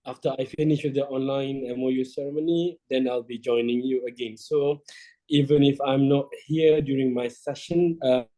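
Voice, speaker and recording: A man's voice: mid-range voice, fairly even intonation, normal speed, warm tone, low-quality recording. A man from Malaysia chatting casually on a video call, hesitant and full of fillers. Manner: hesitant, clears throat, many fillers. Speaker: conference presenter. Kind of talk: casual chat.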